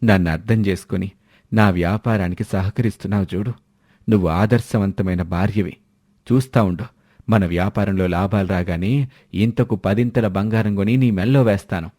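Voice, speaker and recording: A man voicing a greedy husband in an animated story, persuasive and later harsh. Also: on the low side, normal speed, no echo, studio quality, close to an everyday voice. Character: greedy village husband turning drunk and cruel.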